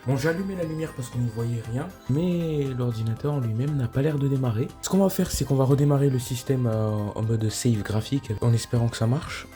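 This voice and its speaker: A man's voice: medium pitch, a little fast, hardly any pauses, dark tone, soft background music. A man casually narrating a tech vlog, laid-back, with lots of hesitations and mild swearing, on a cheap microphone. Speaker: tech YouTuber.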